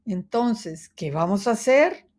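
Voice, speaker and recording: A woman voicing a small, worried male mouse with high, anxious exclamations in a children's storybook. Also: expressive, slow pace, darkish tone. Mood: fretful.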